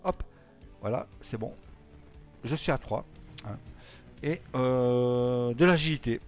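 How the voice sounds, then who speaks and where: A man's voice: medium pitch, slow, a little mellow, soft background music. A man with a Swiss French accent giving loose, rambling gameplay commentary, full of fillers and little tag words. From Switzerland. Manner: rambling, filler-heavy, tags lines with "hein". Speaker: let's play gamer.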